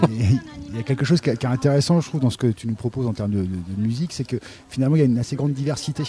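Rapid-fire male radio co-host, dark tone, tripping over his words. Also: medium pitch. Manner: wordy, stumbling repeats, complimentary. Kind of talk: live radio interview.

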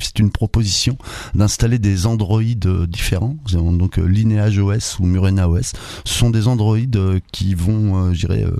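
Deep gravelly man. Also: no echo, studio quality. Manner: relaxed, explanatory, with fillers. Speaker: studio guest, university vice-president. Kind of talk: radio interview.

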